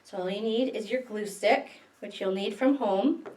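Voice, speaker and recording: At a small children's story time, a woman reads a picture book and demonstrates an easy craft, explaining everything simply as a children's librarian would. Her medium-pitched voice is a little mellow and at normal speed, captured away from the mic in an echoey room.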